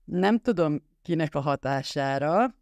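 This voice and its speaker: A man's voice: fairly high pitch, lively intonation, a little mellow, no room sound, studio quality. A man reading a bantering, mock-formal grown man. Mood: playful. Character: playful, joking grown man.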